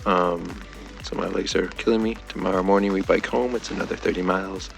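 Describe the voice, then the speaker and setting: A tired, subdued man with a gravelly voice, talking casually to camera as a vlogger. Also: deep voice, steady tone, fairly quick, soft background music. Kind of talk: casual vlog talk to camera.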